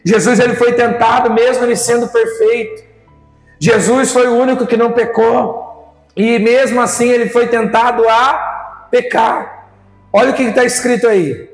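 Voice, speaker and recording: Man, Brazilian accent, pastor, fervent sermon, very high voice, echoing church hall, soft music behind. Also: steady tone, moderate pace. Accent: Brazilian Portuguese. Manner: impassioned preaching, rhetorical questions to the congregation.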